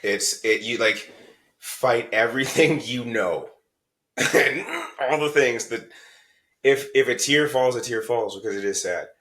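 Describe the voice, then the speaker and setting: On a candid podcast, a male co-host with a medium-pitched, slightly bright voice speaks at a measured pace. Speaking as a parent handing out advice, he's blunt and heated and swears freely.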